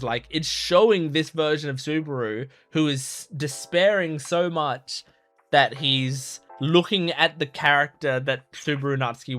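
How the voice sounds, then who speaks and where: Medium-pitched with a sharp tone, this man hosts an anime reaction video, sharing casual reflective commentary. He's earnest and thoughtful, but his talk rambles, full of "like" and restarted thoughts.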